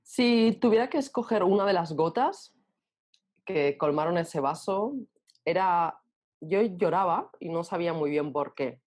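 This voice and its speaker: Woman, 40s, deep for a woman, thoughtful interview guest. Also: expressive, darkish tone. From Barcelona, Spain. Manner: thoughtful, searching for words with many pauses and restarts. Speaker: guest author. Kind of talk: reflective interview answers.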